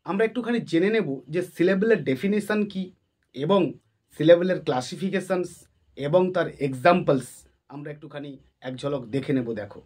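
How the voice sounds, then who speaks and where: A grammar teacher giving a lesson at a board, who dictates definitions slowly word by word and then explains them, patiently repeating key terms. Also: mid-range voice, darkish tone.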